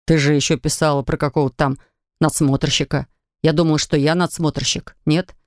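A woman voicing a troubled husband, an investigator, who speaks in a soft, coaxing and pained way. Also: low-pitched, little pitch movement, normal speed, no room sound, studio quality, close to an everyday voice. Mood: indignant. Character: troubled husband, an investigator, gentle but wounded.

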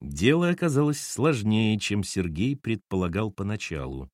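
A man reading a novel aloud as an audiobook narrator, with expressive delivery. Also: on the low side, normal speed, no echo, studio quality. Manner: expressive, lively intonation.

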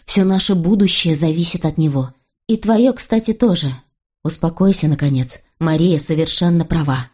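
A woman doing a calm, shrewd young nobleman. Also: low voice, moderate pace, slightly rough. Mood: persuasive. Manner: calm, persuasive. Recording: dull lo-fi recording.

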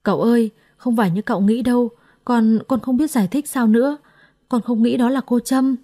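A woman's voice: on the high side, a little fast, mellow, no echo, studio quality, pitched above the performer's own voice, natural voice. A woman doing a stammering, panicked servant boy. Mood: begging. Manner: stammering, begging. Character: panicked young male servant.

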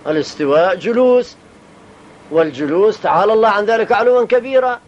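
Emphatic high-voiced sheikh on old tape. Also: male voice, a little fast. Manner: emphatic, fires rhetorical questions and answers them. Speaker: religious teacher. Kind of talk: Quranic commentary lesson. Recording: dull lo-fi archival tape with faint hiss.

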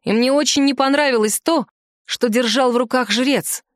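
A woman reading a first-person fantasy novel aloud in a lively, expressive way. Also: high voice, moderate pace, dry recording, studio quality. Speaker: audiobook narrator.

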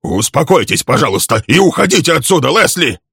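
Man doing a hoarse old man trying to keep order. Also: fairly high pitch, sing-song, a little fast, fairly bright tone, no room sound, studio quality, pitched above the performer's own voice, exaggerated voice. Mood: stern. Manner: pleading then commanding. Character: older male host, stern and placating.

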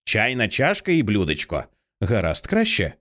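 A man voicing a frightened young woman who speaks in halting, stammering phrases. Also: on the low side, huge pitch swings, fairly bright tone.

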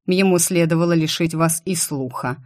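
A woman's voice: sits low, natural voice. A woman voicing a cold, stern male alien husband who speaks curtly and icily. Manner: curt, icy, measured.

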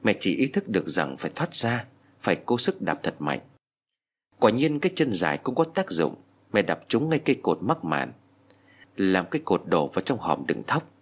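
A man narrating a horror story in a lively, expressive storytelling manner. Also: deep voice, slightly rough.

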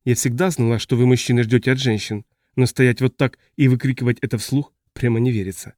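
A man's voice: medium pitch, fairly even intonation, a little fast, a little mellow, no echo, clean studio sound, close to an everyday voice. A man voicing a poised, cool-headed woman scientist in an audiobook reading.

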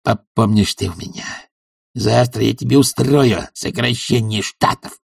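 A man's voice: on the low side, measured pace, creaky, slightly rough, no room sound, clean studio sound, pitched above the performer's own voice, heavily acted. A man voicing a coarse, surly young man who barks and snaps spitefully. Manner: barking, spiteful.

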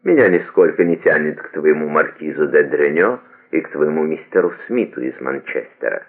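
A man's voice: very deep voice, lively intonation, moderate pace. A man reading the part of an irritable young queen with a cold, needling manner. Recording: tinny phone-like lo-fi audio.

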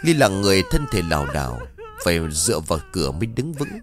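A man narrating a ghost story in a dramatic, expressive reading. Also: sits low, fast.

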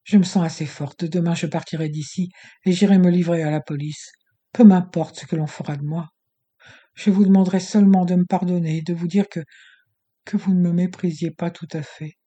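A man's voice: sits high, steady tone, brisk, warm tone. A man reading a proud, troubled young woman. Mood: despairing. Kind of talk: audiobook character reading.

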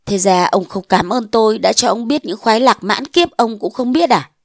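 A woman voicing a bold, scheming young wife of a mandarin, defiant and sharp-tongued, in a storybook reading. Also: on the high side, lively intonation, moderate pace, no echo, clean studio sound. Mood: scornful.

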